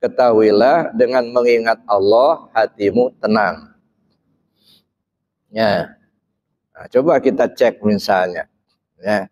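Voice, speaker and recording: A fairly low, slightly mellow male voice belongs to an Islamic preacher delivering an interactive religious talk. He keeps asking the audience questions, urging responses, with short "ya" checks between phrases. The recording is somewhat dull and muffled.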